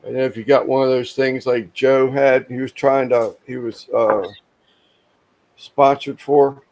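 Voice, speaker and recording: A man hosting a casual livestream chat, telling rambling stories with lots of pauses and restarts. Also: medium pitch, fairly even intonation, a little mellow, poor audio. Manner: rambling, halting storyteller. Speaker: livestream host.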